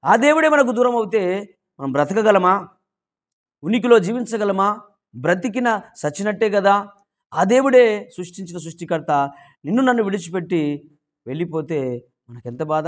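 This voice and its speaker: A man preaching a morning devotional sermon with emphatic rhetorical questions, swinging between loud appeals and hushed lines. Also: high voice. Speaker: pastor.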